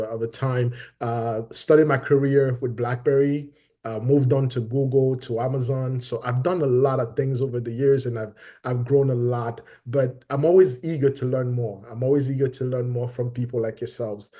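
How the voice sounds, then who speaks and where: A man's voice: mid-range voice, fairly even intonation, moderate pace, dark tone. A middle-aged man from Benin introducing himself eagerly in an online meeting over a video call, often repeating words. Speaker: new team member introducing himself.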